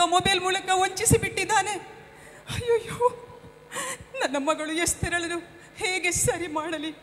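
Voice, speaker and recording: Lady doing a churchy mom who wails and preaches, high voice, big echoey hall. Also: a bit bright. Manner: wailing laments, then preachy admonishing. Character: devout anguished mother scolding her daughter. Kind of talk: amateur church stage skit. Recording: echoey hall, stage mic.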